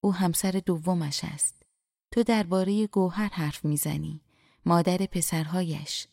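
The gentle ghost of a young woman coaxes softly in a storybook reading, voiced by a woman narrator. The voice is mellow and slightly low, recorded dry and close. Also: steady tone, vocal fry, no room sound. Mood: coaxing. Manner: soft, coaxing.

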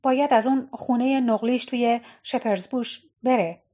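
A bitter, resentful young drummer voiced by a woman reading an audiobook. He complains in a fairly high voice. The recording sounds dull and lo-fi. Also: lively intonation.

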